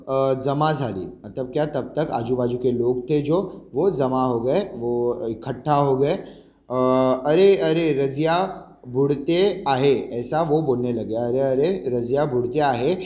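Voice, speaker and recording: A man's voice: mid-range voice, dark tone. Man explaining a school lesson, echoey. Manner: reads a line of text, then explains it, with many fillers and check-ins. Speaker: teacher. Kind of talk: online class lesson, explaining a textbook story. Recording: echoey room, dull lo-fi sound.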